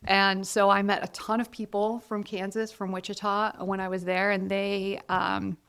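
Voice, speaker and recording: Gravelly-voiced woman from Ohio. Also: medium pitch, normal speed. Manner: candid, self-deprecating, quotes others in lively voices. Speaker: guest, college counselor. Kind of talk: casual interview conversation.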